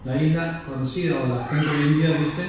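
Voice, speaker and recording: A man's voice: on the high side, fairly quick, a little hiss or hum. A man tells a devotional story in a chatty way and often tags his lines with "¿no?". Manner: lively, chatty, frequent "¿no?" tags. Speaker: storyteller at a temple gathering. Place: temple hall. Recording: very echoey hall, mic at a distance.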